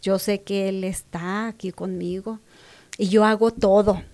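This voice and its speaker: A woman with a Mexican Spanish accent giving a personal faith testimony, softly spoken, often sinking to a breathy half-whisper and acting out the quoted dialogue with rising emphasis. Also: medium pitch, steady tone, a little slow.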